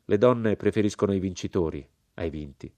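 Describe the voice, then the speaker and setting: A man reading a literary novel aloud in a calm, measured way. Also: low voice, dry recording. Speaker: audiobook reader.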